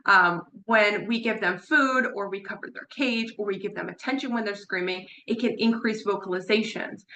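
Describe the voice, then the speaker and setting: A woman's voice: mid-range voice, pushed and bright, slight background noise. A woman who is a parrot behavior consultant, giving a chatty online lecture from a room at home with her birds, repeating words for emphasis and laughing now and then. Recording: echoey room.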